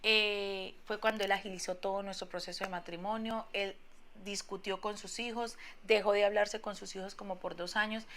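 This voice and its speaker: Una mujer con acento colombiano que cuenta en primera persona su propia historia, con tono arrepentido y enfático. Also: female voice, mid-range voice, level tone, moderate pace, fairly bright tone, a little hiss or hum. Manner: regretful, emphatic, acts out quoted people. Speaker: woman telling her own story. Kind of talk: confessional first-person testimony.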